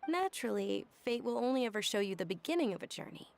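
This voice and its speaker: An actress playing a gentle, courteous young woman in a game, soft-spoken and wistful. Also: a little high, lively intonation, fast. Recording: game audio with music behind.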